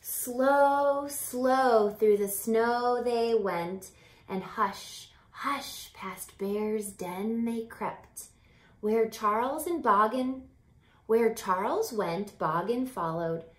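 In a small home room beside a window, a woman in her thirties reads a children's picture book the way a teacher would, her slightly high voice animated and deliberate. She draws out her phrases, drops into hushed whispers, and adds asides for her young listeners. The home camera mic picks up a roomy echo.

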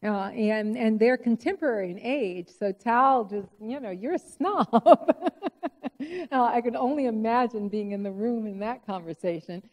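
A woman presenting at a conference, guiding the story in a lively way with many fillers. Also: fairly high pitch, moderate pace. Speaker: co-presenter and moderator. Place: lecture hall. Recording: hall reverb.

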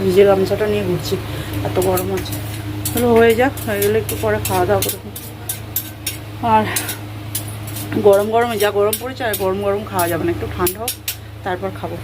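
Chatty woman vlogging from a noisy kitchen. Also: mid-range voice. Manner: chatty, narrates chores while cooking. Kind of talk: casual home vlog chat. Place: home kitchen. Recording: noisy room with frying sounds.

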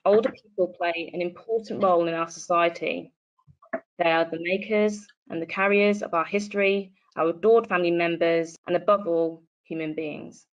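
Calm woman narrator, slightly low. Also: moderate pace, highs cut off. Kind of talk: scripted narration.

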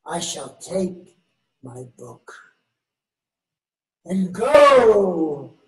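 An older man playing the Devil as a deliberate, outnumbered schemer in amateur readers theater, heard through a distant roomy mic. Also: high voice, very animated, exaggerated voice. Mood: defeated. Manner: deliberate, theatrical archaic speech. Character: the Devil, male, outnumbered and retreating.

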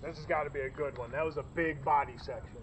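This fishing vlogger is a middle-aged man from Northeast Ohio with a local accent, and his voice is a little high and fast. He jokes and talks excitedly in casual commentary while filming by a rainy lakeshore. The sound is noisy outdoor audio from a camera on a stand, bagged against the rain.

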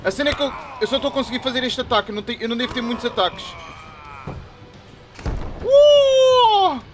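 A young man with a European Portuguese accent giving excitable, trash-talking commentary while playing a wrestling game. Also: very high voice, rapid-fire, loud music behind the voice. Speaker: gaming YouTuber. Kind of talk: live gameplay commentary.

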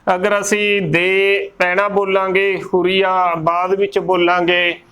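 High, smooth-voiced Punjabi man teaching slowly. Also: completely flat delivery, bright, forceful tone. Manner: spells words letter by letter, repeating correct and wrong forms. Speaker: Gurbani pronunciation teacher. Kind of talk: slow methodical pronunciation lesson.

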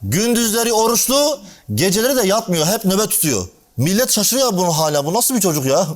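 A male preacher telling a religious story in a casual sermon, acting out the dialogue and speaking directly to listeners by name. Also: a little fast. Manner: animated storytelling, acting out dialogue with shifting pitch.

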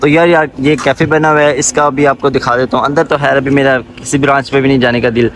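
Out on crowded city streets, a twenty-something vlogger with a Pakistani accent talks informally to his audience during a walking tour. He speaks fast in a mid-range voice with a flat delivery, and traffic and street sounds come through clearly in the recording.

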